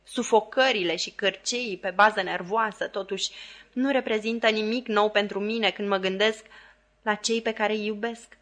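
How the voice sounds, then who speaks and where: A woman's voice: a little high, expressive, fairly bright tone, pitched above the performer's own voice. A woman reading an audiobook, voicing Camila, a fragile, self-pitying lady who sighs and drags out her complaints. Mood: plaintive. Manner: plaintive, sighing, drawn-out.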